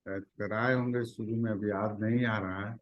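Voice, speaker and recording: A man teaching a chemistry class, pausing to scold and prod his students to answer. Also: lowish voice, steady tone, muffled recording. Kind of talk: classroom lecture.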